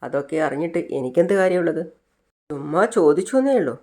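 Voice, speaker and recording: A man's voice: on the high side, quick pace, lightly acted. A narrator retelling a TV serial scene, voicing Siddhu, an easygoing young man who teases and chuckles. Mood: teasing. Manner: relaxed, teasing, chuckling.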